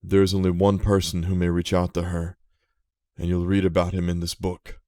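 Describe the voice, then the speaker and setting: A man's voice: deep voice, monotone, mellow, dry recording, studio quality, close to an everyday voice. Man playing an ancient gold dragon, Aragold. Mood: grave. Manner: slow, solemn pronouncements. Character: ancient male gold dragon, grave and protective.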